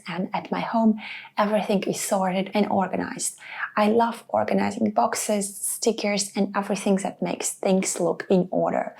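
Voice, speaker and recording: Young woman from Russia, slight vocal fry. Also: mid-range voice, a little mellow. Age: 20s. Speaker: vlogger. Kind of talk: casual talk to camera.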